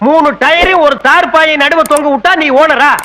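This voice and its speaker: A man's voice: very high-pitched, fairly even intonation, moderate pace, background noise. A man playing a domineering local strongman who scolds and orders others around. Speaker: bossy local strongman in film. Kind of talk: film comedy dialogue.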